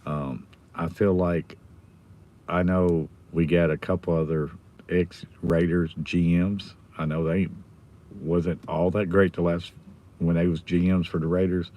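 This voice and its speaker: An American man with his voice nearly gone, chatting casually and quietly as a livestream host while sitting in a car. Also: low voice, flat delivery, a little slow. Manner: subdued, holding the volume down. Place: inside a car in a school pickup line. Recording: noticeable background noise in a car.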